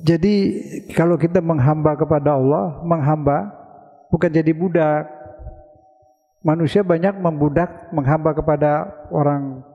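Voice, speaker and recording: A man's voice: a little high, fairly even intonation, a little slow, pauses often. A man from Indonesia giving a conversational sermon in a mosque, asking his listeners questions and answering them himself. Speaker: preacher. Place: large mosque hall. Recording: dull lo-fi recording with long hall reverb.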